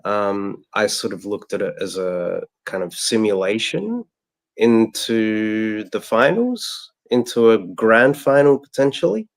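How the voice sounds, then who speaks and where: Creaky-voiced man calling in. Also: lowish voice, expressive, takes it slowly. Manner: tentative, musing, meandering. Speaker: caller. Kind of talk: casual chat.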